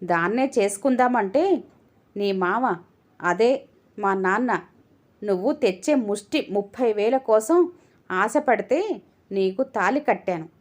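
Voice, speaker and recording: A woman voicing a scornful, arrogant drunken husband in a storybook tale, talking with a sneer and shouting at his wife. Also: medium pitch, expressive, slow pace, long pauses.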